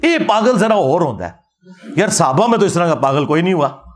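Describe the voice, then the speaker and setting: High-voiced man. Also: a little fast. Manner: animated, mocking, argumentative. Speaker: Islamic preacher. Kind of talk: religious rebuttal lecture.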